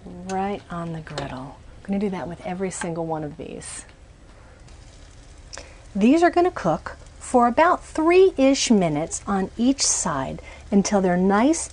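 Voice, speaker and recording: A woman's voice: medium pitch, darkish tone, slight background noise. A woman in her forties hosting a cooking show from a small RV kitchen, chatty and upbeat as she walks through each step. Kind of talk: cooking demonstration.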